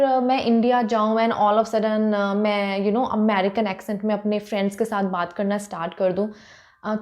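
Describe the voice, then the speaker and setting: A woman's voice: high voice, darkish tone. A woman from India in her thirties with an Indian accent, chatting casually to camera in a Hindi-English mix with frequent fillers. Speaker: vlogger.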